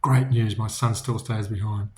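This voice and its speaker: A man voicing a farmer in a retold parable, talking in an emphatic, excitable way. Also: on the low side, moderate pace, lightly acted. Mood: excited. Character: excitable male farmer, quick to judge.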